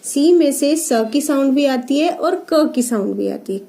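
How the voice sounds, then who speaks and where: A woman's voice: sits high, lively intonation, unhurried, vocal fry, dark tone. A woman teacher who gives a phonics lesson for young children and sounds out each letter one by one.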